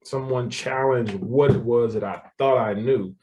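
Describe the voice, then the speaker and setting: A man's voice: mid-range voice, unhurried, a little mellow, distant mic. A man, telling his story as a guest in a casual interview, laughing often and repeating words. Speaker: guest, real estate developer.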